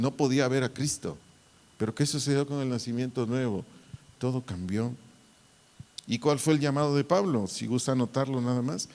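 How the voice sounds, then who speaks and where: A man, a pastor, giving a Bible teaching, deliberately repeating and spelling out key words. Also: medium pitch, darkish tone. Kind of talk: Bible teaching to church servers. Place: church hall. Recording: long hall reverb.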